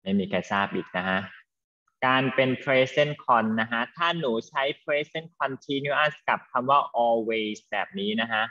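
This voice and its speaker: A man teaching an English class to students, explaining slowly and patiently and affectionately calling them "child". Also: medium pitch, sharp tone, muffled recording. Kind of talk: online class lesson with students.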